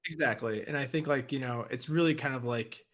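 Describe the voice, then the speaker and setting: A man's voice: mid-range voice, fairly quick, fairly bright tone. A man co-hosting a gaming podcast in casual chat, rambling with lots of "like" and "you know". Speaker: podcast co-host.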